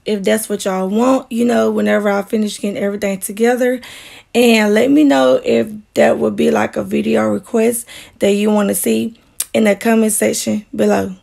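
A woman's voice: mid-range voice, fairly even intonation, moderate pace, creaky, darkish tone. A young woman chatting casually to her viewers in a small apartment, calling them y'all, with the sound of a camera set some distance away. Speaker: cleaning vlogger.

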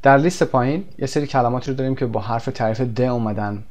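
A man teaching a recorded language lesson. He explains in quick bursts, pauses on fillers, and reads his example sentences slowly and carefully. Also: medium pitch, darkish tone. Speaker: English teacher.

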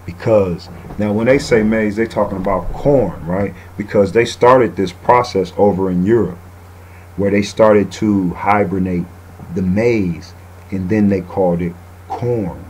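A man's voice: fairly low pitch, a little slow, darkish tone, slight background noise, rough recording. A man hosting an online radio show, reading passages aloud and then commenting loosely, often ending lines with "man.". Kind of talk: casual talk-radio commentary.

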